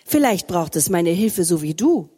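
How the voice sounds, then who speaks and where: A woman's voice: lowish voice, sing-song, moderate pace, dark tone, breathy edge, big-room sound. A woman doing a kind little shepherd boy.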